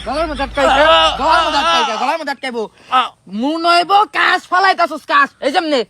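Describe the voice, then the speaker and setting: An actor playing a harsh, bossy English tutor in a comedy skit, scolding and bursting into shouted words. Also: male voice, sits high, big pitch swings, moderate pace, a little hiss or hum, heavily acted. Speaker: teacher.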